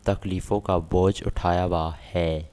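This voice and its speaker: Using his own low, mellow voice, a man reads out the lines of a grieving, angry, pregnant young wife. His delivery is flat and only lightly acted, a plain reading of a quoted line full of angry grief.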